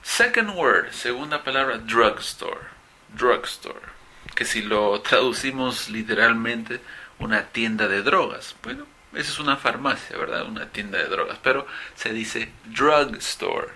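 A man teaching an English vocabulary lesson, stressing key words with sudden rises in pitch. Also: animated, unhurried, bright, forceful tone.

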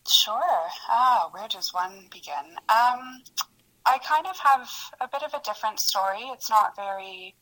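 A woman's voice: on the high side, animated, unhurried, pushed and bright, poor audio. A woman in her thirties, a native Hungarian speaker raised in Canada, giving a candid, reflective radio interview and laughing at herself. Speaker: radio guest, producer.

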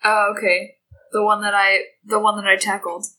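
A woman's voice: mid-range voice, little pitch movement, normal speed, bright, forceful tone, low-quality recording. A woman chatting casually as a player in a tabletop game, informal and inquisitive.

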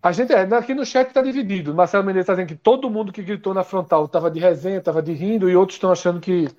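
A man's voice: high voice, rapid-fire, a little mellow. A man from Brazil hosting a live football talk stream, disagreeing often and reading out chat comments. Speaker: sports show host. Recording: dull lo-fi audio.

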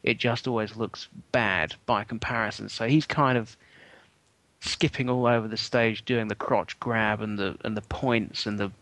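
A man's lowish, slightly bright voice comes through without echo at a moderate pace and fairly even intonation. Co-hosting a podcast, he tells a story in casual chat, wry and chatty, with many ums along the way.

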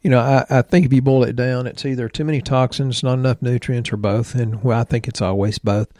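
A man's voice: medium pitch, fairly even intonation, a little fast, mellow, no echo. A man in his sixties co-hosting a health podcast, chatting casually in a rambling way with joking asides. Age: 60s. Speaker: podcast co-host, health practitioner.

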